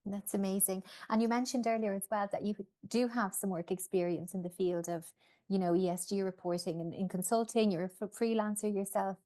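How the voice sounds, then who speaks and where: A woman's voice: medium pitch, fairly even intonation, fairly quick, warm tone. A woman admissions officer hosting an online info session, friendly and upbeat as she introduces and interviews students.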